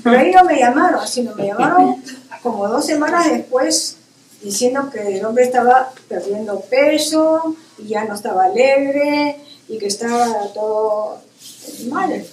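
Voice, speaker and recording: A woman's voice: on the high side, unhurried, a little hiss or hum. A woman author with a Peruvian Spanish accent, telling a personal story with laughs at a book fair. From Peru. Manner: laughs while telling, animated quotes. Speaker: author presenting her book. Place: book fair event room. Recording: roomy hall, mic from a distance.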